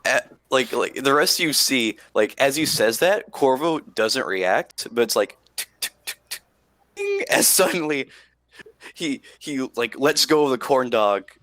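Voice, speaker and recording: A man's voice: medium pitch, expressive, a little slow, a bit bright, dry recording. A man narrating as dungeon master in a tabletop game, rambling with fillers. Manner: rambling with fillers, laughs often.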